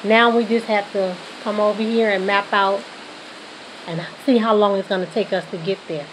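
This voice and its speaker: A woman in her forties co-hosting a casual road-trip vlog, talking to viewers in a relaxed, playful way. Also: mid-range voice, moderate pace, a little hiss or hum, rough recording. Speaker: vlog co-host. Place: outdoor patio and garage of a home. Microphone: camera a few feet away.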